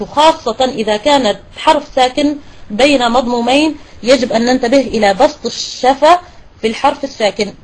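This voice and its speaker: A woman teaching a tajweed lesson to women students, explaining step by step and slowly repeating words to demonstrate pronunciation. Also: a little high, a little mellow, low-quality recording. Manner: praises and questions students. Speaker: Quran recitation teacher.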